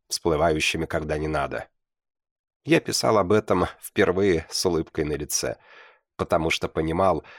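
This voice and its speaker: Very deep-voiced male audiobook narrator. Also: no room sound, clean studio sound. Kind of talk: first-person audiobook narration.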